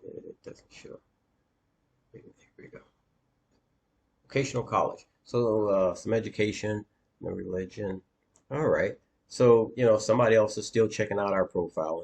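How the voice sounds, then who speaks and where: A man with a very deep, low voice talks viewers through a screen share as a dating coach. His delivery is halting and plain, full of pauses and fillers. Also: darkish tone. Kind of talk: screen-share walkthrough with commentary.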